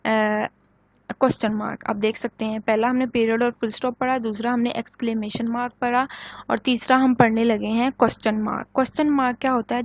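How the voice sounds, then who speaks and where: A woman with a slightly high voice teaches English punctuation in a recorded online lecture. She puts questions to her students and answers them herself, reading each English example slowly. The recording is dry, close and a little muffled. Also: no echo. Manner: explains in Urdu-flavored Hindi, reading English example sentences slowly.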